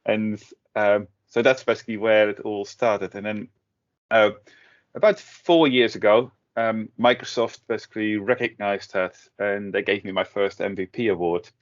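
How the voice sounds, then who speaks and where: A middle-aged man from the Netherlands talks casually, often stopping to restart his sentences. His voice sits on the low side. The audio is dull and lo-fi. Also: steady tone, moderate pace. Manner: hesitant, many restarts and fillers. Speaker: guest, tech blogger. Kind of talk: casual interview talk.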